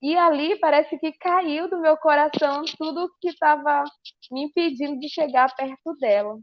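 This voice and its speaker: A woman, a religious sister, giving a lively personal testimony on a podcast and acting out her own past dialogue. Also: high voice, moderate pace, dull audio, slight background noise.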